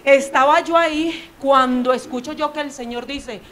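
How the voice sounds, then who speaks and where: A woman's voice: sits high, normal speed, fairly bright tone, a little hiss or hum. A young adult woman with a Colombian accent telling a stand-up story, acting out the quoted voices and laughing as she goes. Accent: Colombian Spanish. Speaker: stand-up comedian.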